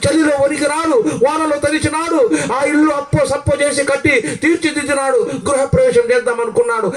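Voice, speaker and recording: A hoarse man preaching a sermon, firing rhetorical questions at the crowd and rising to shouts. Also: extremely high pitch, rough recording. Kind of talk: sermon at a religious gathering.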